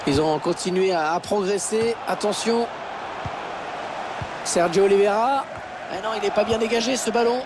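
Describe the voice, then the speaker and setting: A man giving excited play-by-play football commentary for a video game, breaking into shouted calls at big moments. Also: sits high, moderate pace, pauses often, noisy background. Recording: loud stadium ambience behind voice.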